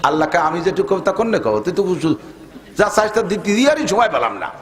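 A man's voice: quick pace, echoey room. A man preaching a humorous sermon, swinging his voice up and down and asking the crowd questions. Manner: animated and humorous, with pitch leaps and rhetorical questions.

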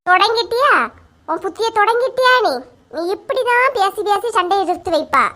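A woman plays a blunt, short-tempered cartoon village woman with a Kanyakumari Tamil accent. Her voice is high and bright with a sharp edge. She snaps and scolds in a bossy way. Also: quick pace. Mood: snappish. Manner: scolding, snappish. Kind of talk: animated comedy dialogue.

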